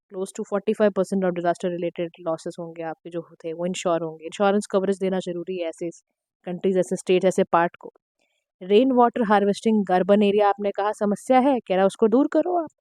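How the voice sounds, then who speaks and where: A woman teacher, giving an exam-prep lecture in a direct, instructive way, her throat slightly hoarse. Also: medium pitch, normal speed, dark tone, dry recording. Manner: direct, instructive, mixing Hindi and English. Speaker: current affairs teacher.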